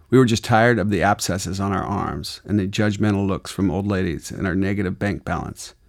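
Male memoir narrator from Arizona, low voice, wry and gritty delivery. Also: darkish tone.

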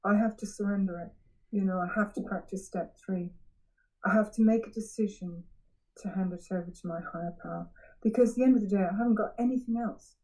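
A woman giving a frank, self-examining personal share at a recovery meeting, halting and often restarting her sentences. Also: mid-range voice, warm tone, low-quality recording. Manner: halting, searching for words with frequent restarts. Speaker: member sharing at a recovery meeting. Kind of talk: personal share, candid reflection.

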